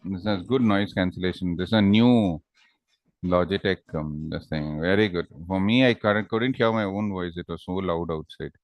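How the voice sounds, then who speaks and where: South Indian male teacher, lowish pitch, conversational explaining, questioning tags, dry headset recording. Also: moderate pace, no room sound. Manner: informal, often ends phrases with questioning tags. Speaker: teacher of an online law class. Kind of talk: conversational lecture with examples and check questions. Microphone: headset microphone.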